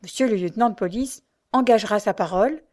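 A woman's voice: mid-range voice, fast talker, darkish tone, natural voice. A woman reading the part of a kindly, confident elderly male doctor in an audiobook, with a paternal, reassuring manner.

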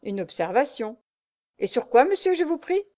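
A woman's voice: high-pitched, very animated, moderate pace, dark tone, voice pushed up. A woman voicing a hot-tempered, proud male naval commander who speaks curtly and sarcastically in a read-aloud story. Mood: haughty. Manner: curt, sarcastic, imperious.

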